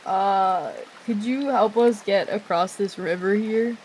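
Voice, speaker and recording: A woman's voice: medium pitch, slow pace, a little mellow, a little hiss or hum, rough recording. A woman playing a tabletop game, talking hesitantly with lots of fillers. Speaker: player. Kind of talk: casual tabletop play.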